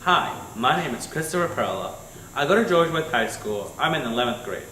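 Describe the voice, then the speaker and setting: A teenage boy at a mid-range pitch presents his work to an audience, stopping and restarting his sentences. The room is echoey, and a faint mains hum runs underneath. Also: big pitch swings, bright, forceful tone. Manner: halting, with restarts and repeated phrases. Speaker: student. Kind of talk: class presentation. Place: school room.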